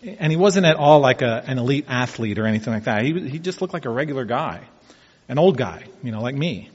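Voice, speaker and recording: A man's voice: medium pitch, lively intonation, brisk, husky. A man in his fifties talking casually about taking up marathon running, telling his story in a folksy, reflective way. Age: 50s. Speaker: amateur marathon runner. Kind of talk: casual personal vlog talk. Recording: dull echoey room sound.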